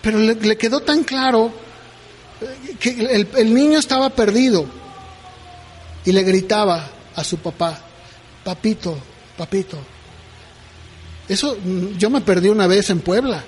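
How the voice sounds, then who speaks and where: A man's voice: high voice, normal speed, slight background noise. A middle-aged man, preaching a sermon as pastor in a conversational way, often checking in with "¿verdad?". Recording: long reverb of a hall.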